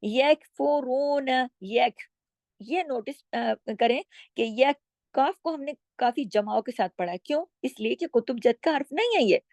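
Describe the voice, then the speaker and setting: Lady teacher going over recitation rules, kinda high voice, stretches words out slow, dry close sound. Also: animated, darkish tone, dry recording. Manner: patient, explanatory, checks in with "okay?"; draws out words slowly when demonstrating. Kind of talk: recitation lesson with slow demonstrations.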